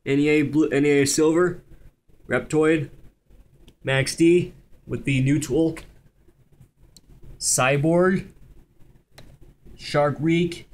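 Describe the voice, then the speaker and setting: A young man speaking quietly at night so as not to wake anyone, casually going through a collection item by item. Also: a little high, steady tone, takes it slowly, pauses often. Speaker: toy collector showing his collection. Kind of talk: casual collection walkthrough, listing items. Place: carpeted room at home. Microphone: handheld camera, held by the speaker.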